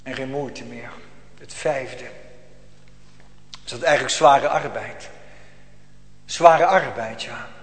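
Echoey preacher, dramatic swings. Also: male voice, medium pitch, slow, long pauses. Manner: dramatic swings from hushed to loud. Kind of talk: sermon. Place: church. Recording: echoey church hall.

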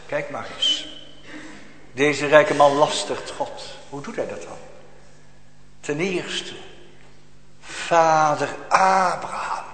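A man preaching a sermon to a congregation, slow and solemn, rising to emphatic outbursts, recorded in a church. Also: medium pitch, reverberant, long reverb tail, slight background noise, rough recording.

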